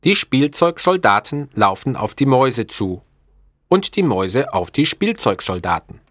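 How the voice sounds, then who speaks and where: A man with a mid-range voice reads a storybook aloud for language learners, taking it slow, clear, and expressive in a deliberate way. There's no echo.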